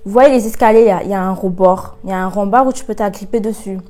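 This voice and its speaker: A woman's voice: medium pitch, quick pace, darkish tone. A young woman telling a personal story in a casual vlog, full of fillers and acting out her own thoughts. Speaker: vlogger.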